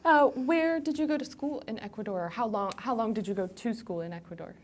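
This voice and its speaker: A woman interviewing, asking questions gently and rephrasing them to help the speaker understand. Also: on the high side, brisk. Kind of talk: oral history interview.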